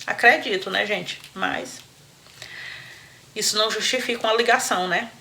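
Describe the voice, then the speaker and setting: A woman hosting a storytelling show, retelling a listener's story with animated, chatty asides and frequent laughter. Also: mid-range voice, normal speed, vocal fry, slight background noise. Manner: animated, laughs often, talks to listeners as friends. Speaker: storyteller host.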